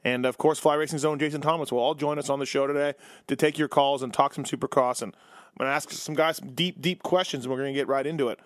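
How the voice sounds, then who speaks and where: A man's voice: mid-range voice, fairly even intonation, no echo, studio quality. A man hosting a sports radio call-in show, talking in casual, joking, sarcastic banter. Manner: jokey, sarcastic, fast-moving banter.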